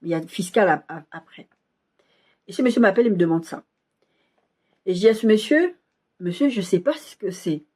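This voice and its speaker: A woman telling a personal testimony in a sermon, speaking softly and acting out the people in her story. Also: mid-range voice, animated, a little fast, long pauses, slightly rough. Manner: soft-spoken, storytelling with quoted dialogue. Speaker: preacher.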